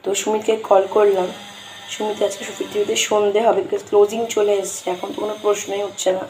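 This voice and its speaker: A hoarse woman, chatting through her day at home as she cooks. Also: mid-range voice, little pitch movement, quick pace, mellow, slight background noise, rough recording. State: hoarse, straining to speak. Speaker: vlogger. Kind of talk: casual daily vlog narration. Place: home kitchen.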